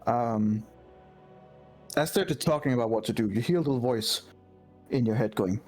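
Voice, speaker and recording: A man's voice: mid-range voice, moderate pace, darkish tone, faint music behind. A man acting as game master, narrating a tabletop role-playing game and talking casually with players.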